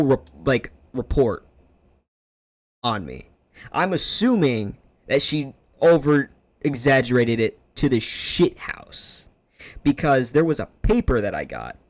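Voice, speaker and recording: A man's voice: fairly high pitch, dry recording. A man streaming games while telling a long, profane story in a sarcastic, rambling way. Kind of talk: casual rant over gameplay.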